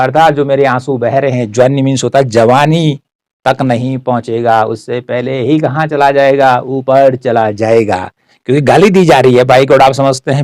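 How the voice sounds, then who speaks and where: A man's voice: mid-range voice, a little mellow, no room sound, studio quality. A man explains words one by one as a teacher, often checking in with "ठीक है". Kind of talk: explanatory word-by-word lesson.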